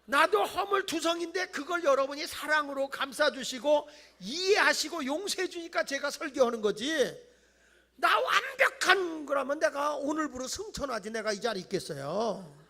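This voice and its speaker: Gravelly high-pitched Korean pastor preaching. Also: male voice, normal speed. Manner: animated, acts out voices of people he tells about, mock-whines and shouts. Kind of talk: Friday night revival sermon. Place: church sanctuary.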